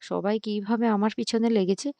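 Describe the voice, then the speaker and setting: A woman's voice: medium pitch, fairly even intonation, fairly quick, creaky, dark tone, dry recording, lightly acted. A woman voicing a touchy young woman who answers in a sulky, indignant way, in a storytelling serial recap.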